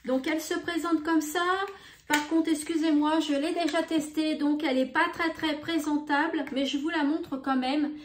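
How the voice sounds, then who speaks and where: A woman showing beauty products in a casual vlog, talking in an unhurried, hesitant way with many fillers. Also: high-pitched, fairly even intonation, reverberant. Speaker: beauty vlogger. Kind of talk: casual haul video.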